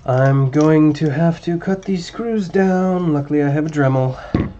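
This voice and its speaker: A man hosting a casual livestream while building a drone, chatting with viewers and muttering to himself as he works, his voice slightly hoarse. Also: fairly high pitch, a little slow, muffled recording, slight background noise. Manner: relaxed, chatty, muttering at parts while working.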